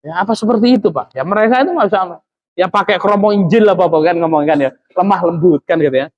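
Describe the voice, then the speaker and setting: A man's voice: sits high, quick pace, lo-fi sound. A man giving a religious study lecture as an Islamic teacher, talking in a conversational way with frequent tag fillers. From Lampung, Indonesia.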